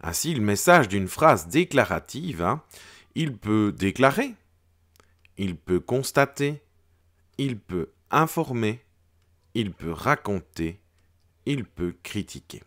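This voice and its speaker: Slow, lively-voiced man teaching children. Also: lowish voice. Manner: slow, clear, explaining with exaggerated intonation on examples. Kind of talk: grammar lesson for children.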